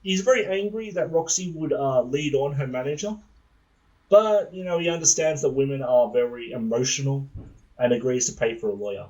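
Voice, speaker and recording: A podcast host telling an absurd comic story in a deadpan, rambling way. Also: male voice, mid-range voice, moderate pace, rough recording. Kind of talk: comedic storytelling.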